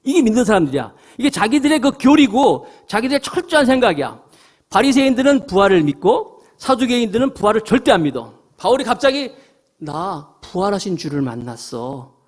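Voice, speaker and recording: Animated male pastor preaching. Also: very high-pitched, fast. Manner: animated storytelling, acting out quoted lines and laughing at the text. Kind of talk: Sunday sermon.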